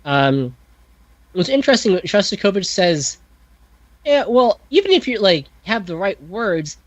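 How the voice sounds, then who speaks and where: A composer appearing as a podcast guest talks in a casual, thoughtful discussion, his high voice swinging widely in pitch at an unhurried pace. His speech is full of fillers, restarts and self-corrections, and the audio is dull with no echo.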